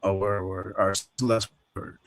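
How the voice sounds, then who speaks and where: A male caller on a call line whose audio is distorted and keeps cutting in and out, speaking in a slangy, halting way. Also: deep voice, level tone, dry recording. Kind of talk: casual call-in chat. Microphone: remote call line.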